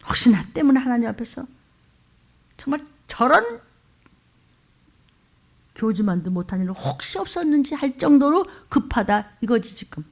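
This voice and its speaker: A woman pastor preaching a fiery sermon, scolding her listeners with sharp rhetorical questions. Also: a little high, very animated, normal speed, creaky, long pauses.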